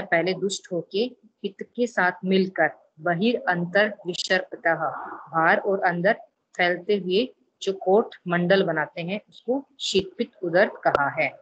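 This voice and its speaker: A woman's voice: mid-range voice, a bit bright, slight background noise, poor audio. A woman teaching an online class, reciting classical verses and explaining each one, with frequent check-ins to her students. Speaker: ayurveda lecturer.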